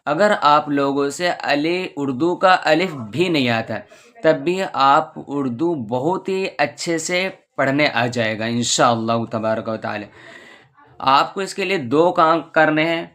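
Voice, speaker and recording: A man, a madrasa teacher, giving a patient beginner's lesson and reciting the alphabet slowly, letter by letter. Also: on the high side, fairly bright tone.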